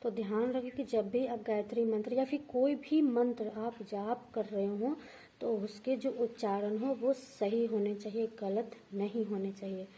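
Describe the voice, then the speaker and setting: A woman's voice: a little high, steady tone, unhurried, warm tone, poor audio. Patient woman explaining a ritual. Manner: patient, repeats each step with frequent check-ins. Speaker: astrology and vastu teacher. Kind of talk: devotional how-to instruction.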